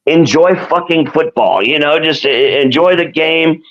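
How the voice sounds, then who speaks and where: Male guest, fairly high voice, swearing and filler-heavy, dull lo-fi sound. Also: unhurried. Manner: profane, filler-heavy, laid-back talk. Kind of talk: casual chat. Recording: dull lo-fi audio.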